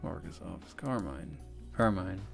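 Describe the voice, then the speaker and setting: A man's voice: low-pitched, lively intonation, unhurried, vocal fry, soft background music. A young man chatting casually on a livestream while animating, rambling and swearing often.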